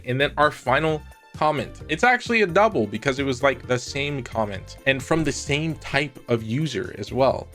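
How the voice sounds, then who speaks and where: A man's voice: mid-range voice, fairly bright tone. A man hosting an online video in casual chat, with a sarcastic, teasing, mock-polite manner. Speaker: online content creator hosting a comment-reading video. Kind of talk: casual chat reacting to comments, with a sponsor read.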